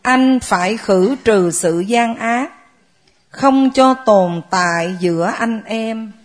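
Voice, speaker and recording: A woman from the class reading a scripture passage aloud, slowly and carefully. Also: fairly high pitch.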